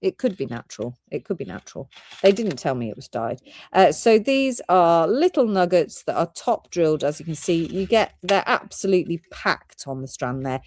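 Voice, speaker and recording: A woman's voice: fairly low pitch, sing-song, moderate pace, darkish tone, slight background noise. Chatty British woman selling pearls live. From Britain. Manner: chatty, giggly, rambling product talk. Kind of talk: live shopping stream.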